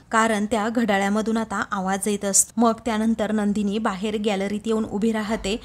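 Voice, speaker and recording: A woman tells the story of a serial episode scene by scene, with a dramatic, animated delivery. She narrates the plot to her listeners and reads out each character's lines herself. Her pitch sits in an ordinary middle range.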